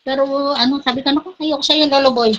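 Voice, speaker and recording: A woman's voice: high-pitched, steady tone, fast, a bit bright, lo-fi sound. A woman telling funny stories in casual chat and laughing often. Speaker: guest.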